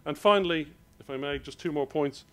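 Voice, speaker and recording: A man with an Irish accent, giving a hurried conference presentation in a hall. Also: fairly high pitch. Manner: rushed, hurried delivery. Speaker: conference speaker.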